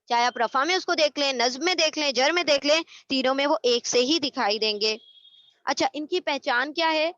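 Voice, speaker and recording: Woman grammar teacher, high voice, patient and repetitive, close dry lo-fi sound. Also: fairly bright tone, no echo. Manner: explains patiently, repeats terms, mixes English words into Urdu. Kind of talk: recorded online lesson.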